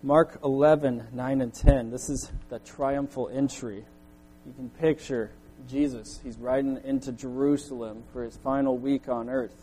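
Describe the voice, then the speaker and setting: Earnest man preaching, mellow voice. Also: medium pitch, steady tone, measured pace, a little hiss or hum, rough recording. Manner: earnest preaching, rising loud on quoted cries. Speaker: pastor. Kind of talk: sermon.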